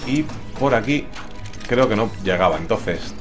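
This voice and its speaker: Male gamer, Spain accent: slangy, exclamatory casual commentary with lively pitch swings over game music. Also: unhurried. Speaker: gamer, let's play host. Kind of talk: casual let's play commentary.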